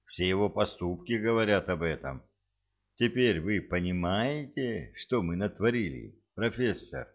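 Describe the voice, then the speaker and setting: A man voicing an irritable, excitable male private detective who talks in a snappish, agitated way. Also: low-pitched, lo-fi sound.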